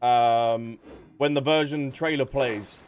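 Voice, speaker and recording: Over game music, a man livestreams at a slow pace in a medium-pitched, steady voice. He chats casually with his audience and names individual viewers as he speaks to them.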